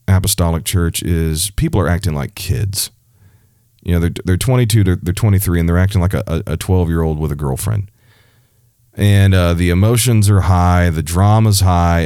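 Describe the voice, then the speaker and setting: This man's voice is low, a bit mellow and clean, captured in a dry, studio-quality recording. He offers earnest dating advice from a church viewpoint in a casual religious talk, speaking conversationally with lots of fillers and restarts.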